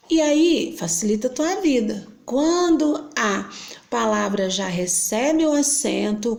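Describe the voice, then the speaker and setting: A Brazilian woman teaching a grammar lesson, speaking slowly and patiently with a fairly high voice. Her tone has a gravelly, creaky edge, and she keeps checking that the listener follows along. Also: a little mellow. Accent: Brazilian Portuguese. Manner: patient, explanatory, checks in with tag questions. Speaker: Portuguese teacher.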